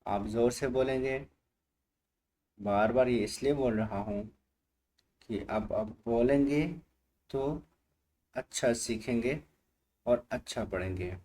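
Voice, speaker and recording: A man's voice: medium pitch, takes it slowly, long pauses, dark tone, a little hiss or hum. A man teaching Quran reading letter by letter, patiently repeating each letter and asking the learner to say it aloud. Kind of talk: slow letter-by-letter recitation lesson.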